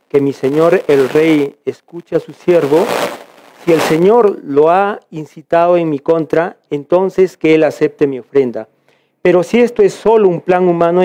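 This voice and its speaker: A man's voice: a little high, mellow, no room sound. A man from Peru leading a church Bible study, reading scripture aloud and explaining it with frequent restarts.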